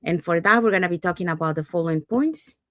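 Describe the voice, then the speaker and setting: Upbeat low-voiced woman hosting a panel. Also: fast talker, a bit bright, no room sound, studio quality. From Panama. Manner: upbeat, leans on "so" and "you know". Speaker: host. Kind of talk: live panel talk show hosting.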